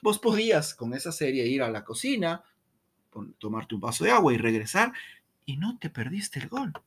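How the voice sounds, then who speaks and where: A man giving a motivational talk on communication, checking in often with "¿sí?", repeating and stumbling over words, with dramatic swings in pitch. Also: normal speed, breathy edge. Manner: repeats "¿sí?" to the audience, animated. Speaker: speaker on communication.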